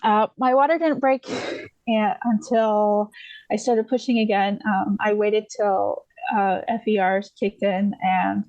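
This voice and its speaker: A woman's voice: medium pitch, steady tone, slow, a little mellow, no room sound, dull audio. A woman from the USA, a podcast guest, telling her story casually, with many fillers, restarts and light laughs.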